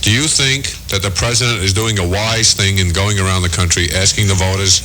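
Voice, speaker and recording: A man's voice: deep voice, fairly even intonation, fairly quick, bright, forceful tone, a little hiss or hum. A man on an old home cassette tape, quizzing his young son like a news interviewer in a stern, lecturing tone. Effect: old home cassette tape recording.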